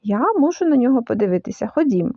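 A woman voicing a calm, kind young boy who speaks quietly and steadily. The recording is dull and lo-fi. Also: fairly high pitch, fast talker, no echo.

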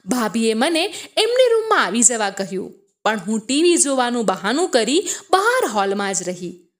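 Woman reading a family story out loud, high voice, swoops up and down a lot. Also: big pitch swings, moderate pace. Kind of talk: first-person story narration.

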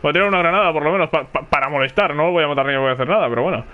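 Rapid-fire and fairly high-pitched, this Spaniard narrates his gameplay as he streams, chatting away, reacting out loud and shouting to his teammates. The sound has phone-like quality.

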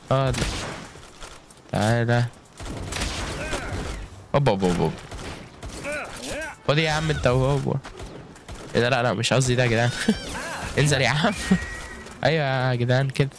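A man's voice: mid-range voice, slight background noise. Egyptian male gaming creator, chatty running commentary aimed at viewers, mid-range voice. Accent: Egyptian Arabic. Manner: chatty, keeps calling out to viewers with frequent exclamations. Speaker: gaming YouTuber. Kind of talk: live gameplay commentary.

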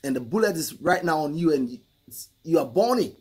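A middle-aged man with a husky voice, reacting to a song in casual commentary and repeating phrases for emphasis. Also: fairly high pitch, animated, fairly quick. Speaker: music reaction host. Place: indoor room, photo-covered wall. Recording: music playing faintly behind. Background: hip hop song.

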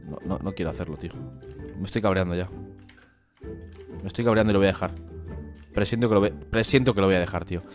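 A man's voice: deep voice, quick pace, pauses often, over music. A young man with a Spain Spanish accent giving gameplay commentary, exasperated and complaining, with dramatic outbursts. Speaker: gaming youtuber.

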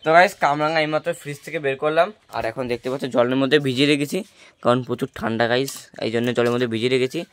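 A man's voice: mid-range voice, very fast. Chatty young man vlogging. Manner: chatty and excitable, keeps calling out to viewers. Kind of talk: casual vlog to camera.

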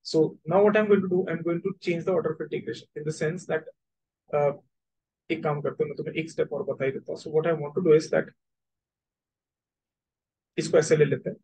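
A man's voice: a little high, steady tone, very fast, long pauses, warm tone, breathy edge, low-quality recording. A man with a North Indian accent teaching an online maths lesson, repeating his points as he explains. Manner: repetitive explaining, switching between languages, checking understanding.

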